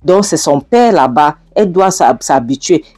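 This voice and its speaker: A woman's voice: sits low, lively intonation, moderate pace, warm tone. A woman voicing a mother who defends her partner and pleads for help. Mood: defensive.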